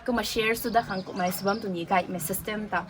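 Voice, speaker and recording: A woman hosting a casual talk show interview, mixing in English words and nodding along with soft "mm" sounds. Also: mid-range voice, fairly even intonation, normal speed, a little hiss or hum. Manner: mixes in English words, frequent soft "mm" acknowledgements. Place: cafe.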